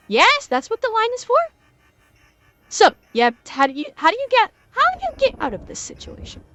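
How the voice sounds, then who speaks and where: A woman's voice: sits high, fairly bright tone, dry recording. A woman giving a live gaming tutorial as an instructor, emphatically repeating key points and answering viewers as she goes. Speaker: instructor and host of a gaming lesson.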